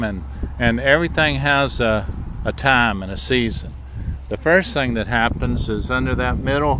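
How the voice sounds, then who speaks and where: A folksy man with a mid-range voice gives a loose, rambling walking tour of a riverbank fishing spot, stumbling over fillers and repeating himself. He speaks outdoors into a handheld camera mic, with faint traffic and outdoor noise behind him. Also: mid-range voice. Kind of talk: casual narrated walking tour.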